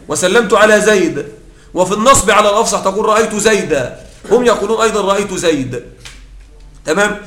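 A man with a fairly high voice gives a grammar lesson, explaining step by step. He keeps asking his students whether they follow and often breaks off mid-word to restart. The room around him rings with echo. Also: fairly bright tone. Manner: explanatory, checks in with listeners often. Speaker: grammar teacher. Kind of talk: Arabic grammar lecture.

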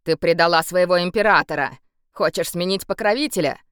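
A woman's voice: fairly low pitch, fairly quick, clean tone, dry recording, clean studio sound, natural voice. A woman voicing a possessive male emperor who speaks coldly and commandingly. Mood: angry. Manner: cold and commanding. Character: cold, possessive male emperor with a beastly temper. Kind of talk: audiobook character voice.

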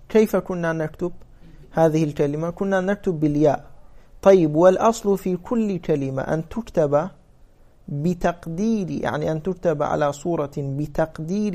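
A man's voice: fairly high pitch, dark tone. A man teaching Arabic morphology in a classroom lecture, explaining step by step and checking whether the students understand.

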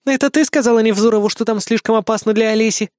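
A man voicing a loud, bossy goddess. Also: high-pitched, fairly even intonation, fast talker, no echo, studio quality, voice pushed up, lightly acted. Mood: scheming. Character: brash scheming young goddess woman. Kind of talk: audiobook character voice.

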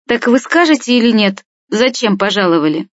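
A woman's voice: fairly high pitch, lively intonation, a little fast, dry recording, dull audio, pitched above the performer's own voice, lightly acted. Woman voicing a hostile, tipsy middle-aged woman. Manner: rude, hostile, shouting.

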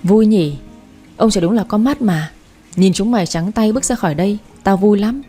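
Vindictive middle-aged mother-in-law, mocking and bossy, read by a woman, in a mellow, darker voice. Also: mid-range voice, normal speed, husky, faint music behind, natural voice. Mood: gloating. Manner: mocking, imperious.

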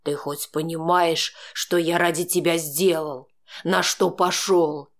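A woman's voice: fairly even intonation, slow. Woman voicing a sneering, menacing drunk man. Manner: mocking, threatening, low and sneering. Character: menacing drunk young man, jealous, cruel. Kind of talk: audiobook character reading.

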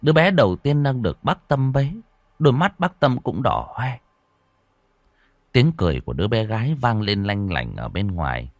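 A man narrating a horror story in a dramatic, expressive storytelling manner. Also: fairly low pitch, normal speed, no room sound. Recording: dry close voice over faint music.

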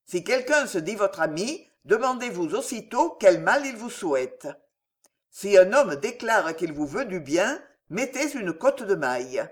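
A reader puts on a stern old soldier father from a storybook. He lectures gravely, and his pitch swings widely. He speaks at a middle height. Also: sing-song, a little slow. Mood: lecturing. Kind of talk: audiobook character reading.

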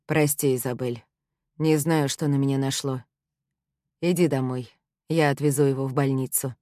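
A woman reading the part of an intense, obsessive young man in a storybook, speaking calmly and pressingly. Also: extremely low pitch, normal speed, dry recording, studio quality. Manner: calm, quietly pressing.

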